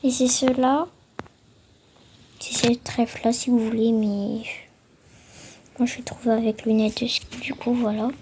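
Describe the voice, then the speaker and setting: Girl doing a slow game tutorial, high flat voice, lots of ums, noisy mic. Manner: hesitant, halting, many fillers and restarts. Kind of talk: casual game tutorial voice-over.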